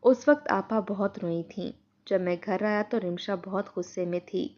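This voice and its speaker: A woman narrating a first-person moral story in a steady, earnest storytelling tone. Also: medium pitch, muffled recording.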